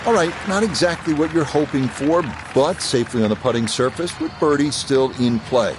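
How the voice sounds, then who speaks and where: A man calling golf as a play-by-play commentator, in a measured, conversational broadcast style. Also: a little high, a crowd in the background, background noise, lightly acted.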